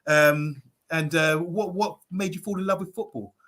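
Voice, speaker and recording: A man hosts a football channel and welcomes his guest, his voice sitting a little high and sounding bright and forceful. He works through the introduction haltingly, padding it with many fillers. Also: fairly even intonation. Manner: hesitant, filler-heavy. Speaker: host. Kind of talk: interview host introduction.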